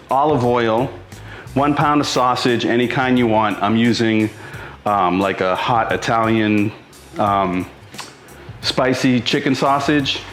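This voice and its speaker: With a mid-range, slightly bright voice, a middle-aged Boston man runs his home cooking show, thinking aloud in an informal way. The kitchen recording has a roomy echo and music behind it.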